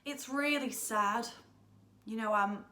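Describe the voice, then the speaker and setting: Her voice sits a little high and comes out pushed and bright at a slow pace. The speaker is a young adult actress from England giving a theatrical monologue as a chatty, self-absorbed girl who has just moved out, with dramatic swings throughout.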